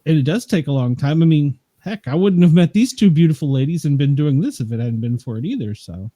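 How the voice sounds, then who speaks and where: A man in his fifties hosts a relaxed podcast chat. His voice is a touch high for a man but mellow and warm, and he keeps ribbing himself and laughing between points. The sound is close and dry. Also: a little fast, dry recording. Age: 50s. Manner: joking, self-deprecating, laughs often. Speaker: podcast host. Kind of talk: casual interview chat.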